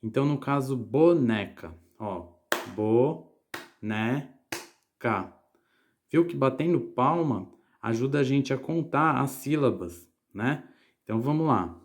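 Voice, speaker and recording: A man's voice: medium pitch, animated, normal speed, slight background noise. A man teacher with a Brazilian Portuguese accent, walking children through exercises and often checking that they follow. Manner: patient, explaining, checking in with "certo?". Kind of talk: literacy lesson to children.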